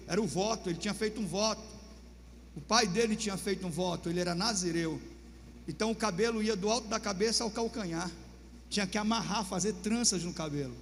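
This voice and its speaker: A pastor preaching, retelling a story dramatically with loud shouted bursts. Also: male voice, sits high, a little fast. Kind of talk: sermon storytelling. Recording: long reverb, faint hum.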